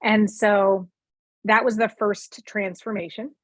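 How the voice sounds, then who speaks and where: A woman's voice: medium pitch, slow pace, dry recording. A woman, a sleep consultant and guest, telling her own story with candor and liveliness, acting out the voices she quotes. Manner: lively, acts out quoted voices, many fillers. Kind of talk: candid personal storytelling.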